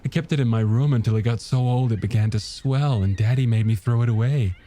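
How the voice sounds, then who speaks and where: A man's voice: mid-range voice, fast, dark tone, slight background noise, natural voice. A man voicing a wistful, nostalgic married woman in an audiobook, reminiscing with some hesitation. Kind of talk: audiobook character dialogue.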